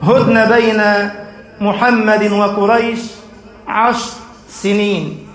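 A man preaching a sermon with passionate, soaring delivery that rises into shouts. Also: high-pitched, flat delivery, slow pace, reverberant, soft background music. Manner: impassioned, rising to shouts.

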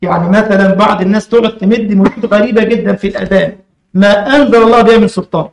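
A man with an Egyptian Arabic accent and a very high voice teaches the call to prayer, scolding and correcting as he goes. He breaks into slow chanted examples between stretches of speech. The recording carries a strong room echo. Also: steady tone, vocal fry. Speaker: religious teacher. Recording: echoey room.

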